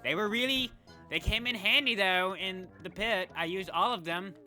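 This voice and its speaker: With game music in the background, this man's high-sitting voice comes across pushed and bright at a moderate pace. He's a let's play gamer talking casually over his play, rambling and fixing his words partway through sentences.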